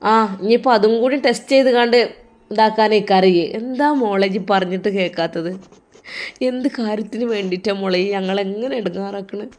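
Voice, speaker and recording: A woman's voice: mid-range voice, a little fast, darkish tone, close to an everyday voice. A woman voicing a stern, protective middle-aged mother who scolds her daughter insistently, with a Malappuram Malayalam accent, in an audio drama. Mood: scolding. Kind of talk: audio drama role-play.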